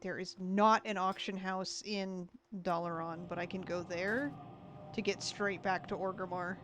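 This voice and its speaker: A man streaming a game, chatting casually and mumbling softly to himself as he plays. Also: sits high, fairly even intonation, measured pace, music in the background. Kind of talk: casual chat while gaming.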